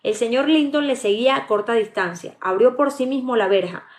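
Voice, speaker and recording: A woman's voice: fairly high pitch, fairly quick. A woman reading a novel aloud live as an audiobook, now and then stumbling and correcting herself. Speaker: audiobook reader.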